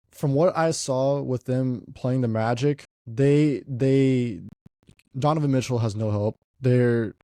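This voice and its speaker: A young man hosts a podcast, talking casually about basketball and often repeating words as he goes. His medium-pitched, dark voice sounds congested and stuffy, with no room sound.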